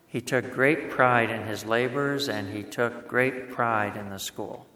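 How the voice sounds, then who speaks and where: A man preaching a sermon, telling a story in a plain-spoken way and slowing down to stress words. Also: mid-range voice, fairly even intonation, bright, forceful tone. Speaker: pastor. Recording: echoey hall.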